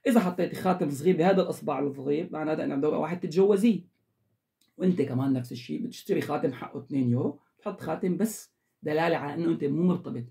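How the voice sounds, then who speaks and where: Fast-talking man giving advice. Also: a little high, creaky, mellow. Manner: emphatic, lecturing, repetitive instructions. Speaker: advice channel host. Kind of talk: direct-to-camera advice monologue.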